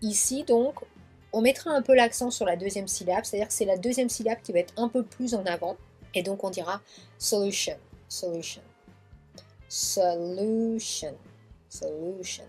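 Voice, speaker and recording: Husky-voiced French woman, English teacher, slowly drills words, soft music underneath. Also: medium pitch. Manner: slow, drawn-out repetition of model words. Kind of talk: pronunciation lesson.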